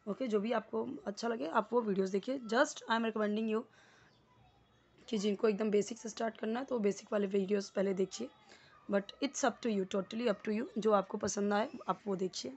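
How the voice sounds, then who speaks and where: A woman's voice: medium pitch, steady tone, a little mellow, husky. A young woman teaching a casual English lesson, explaining patiently and repeating each word. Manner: explains slowly, mixing Hindi and English, repeating words.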